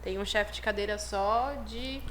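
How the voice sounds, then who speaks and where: A Brazilian woman, dean of a chiropractic school, chats as a guest on a casual podcast interview, upbeat and full of filler words. Her voice sits at medium pitch with a measured pace, over a little hiss or hum.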